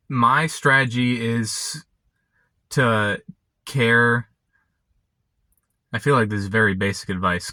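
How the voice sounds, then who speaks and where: A young man chatting casually and unscripted to camera, halting and often interrupting himself as he rambles. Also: fairly low pitch, sharp tone, no room sound. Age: young adult. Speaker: vlogger. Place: inside a parked car. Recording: background noise, vehicle ambience.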